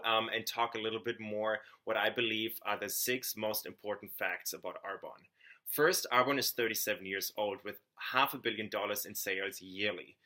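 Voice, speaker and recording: A young man with a German accent talks straight to camera, pitching his business in an earnest, upbeat way. His voice is bright and forward, and he trips over a word now and then and restarts. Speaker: network marketing consultant. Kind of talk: scripted sales pitch to camera.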